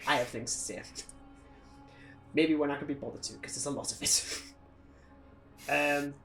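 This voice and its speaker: A British man co-hosting a podcast chats casually about movies, opinionated and sardonic, often ranting. His voice sits on the high side, a bit bright, with a steady tone at normal speed. Faint music plays behind him, and the audio is poor.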